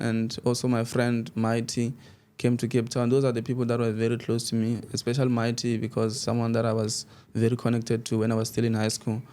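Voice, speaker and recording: A man's voice: mid-range voice, a little mellow, clear, resonant tone. A young South African man whose first language is Xitsonga, talking as an interview guest in a loose, rambling way full of restarts. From South Africa, Limpopo. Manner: rambling, frequent restarts and laughs. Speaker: guest, student media founder. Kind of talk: casual interview talk.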